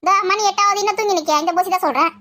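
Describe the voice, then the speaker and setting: Playing a nagging, sharp-tongued mother-in-law in a village family skit, a woman scolds and taunts with quick retorts. Her voice is very high, and there's noise in the background.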